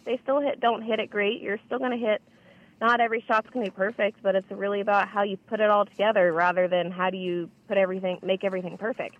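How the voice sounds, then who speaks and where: Fast-talking woman guest on lo-fi radio. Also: mid-range voice, little pitch movement. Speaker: radio show guest, junior golf organization representative. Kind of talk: casual interview chat. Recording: dull, lo-fi radio line.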